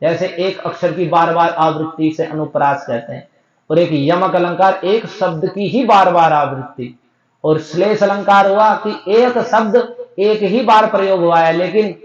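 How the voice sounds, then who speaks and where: A man teaching a scripture discourse, explaining step by step and chanting verses slowly. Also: high voice. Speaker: spiritual teacher. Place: temple hall. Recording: echoey, dull lo-fi recording.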